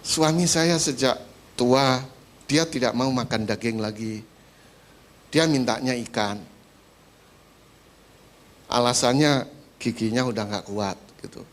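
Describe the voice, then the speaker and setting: A man's voice: mid-range voice, slow, pauses often, voice pushed down, natural voice. Man voicing a hurt elderly wife. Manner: plain storytelling voice, complaining.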